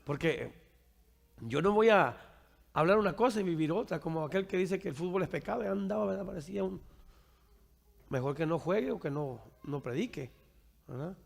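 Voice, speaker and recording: A male pastor preaches and answers his congregation's questions. His voice is heavily gravelly and sits high for a man. He keeps tagging his points with "right?", and the sound rings through a reverberant church hall. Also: lively intonation, normal speed, long pauses. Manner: keeps asking "¿verdad?" and addresses listeners as brother.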